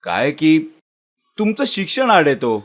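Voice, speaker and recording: An actor playing a patient male office superior who calmly explains things. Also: fairly high pitch, a little slow.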